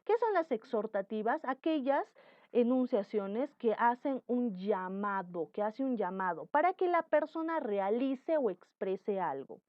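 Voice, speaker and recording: A woman's voice: on the high side, no room sound, dull audio. A woman teaching a grammar lesson, explaining patiently and acting out example sentences. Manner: explains slowly, acts out example sentences with lively intonation.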